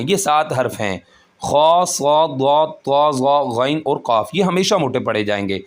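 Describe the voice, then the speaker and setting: A man teaching Quran recitation rules, explaining each point slowly and patiently and chanting the verses in a melodic voice. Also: mid-range voice. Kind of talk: tajweed lesson with chanted recitation.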